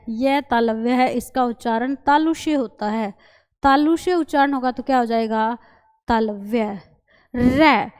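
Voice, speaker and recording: High-voiced woman teaching grammar. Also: darkish tone. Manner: repeats key terms, asks and answers her own questions. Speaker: Hindi teacher. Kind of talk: exam-prep grammar lesson.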